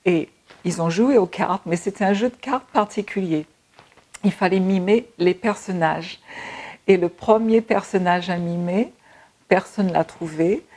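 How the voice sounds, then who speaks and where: A woman, an energy healer, recounting a personal experience in an animated way with frequent fillers and restarts. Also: fairly low pitch, unhurried. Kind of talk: personal storytelling.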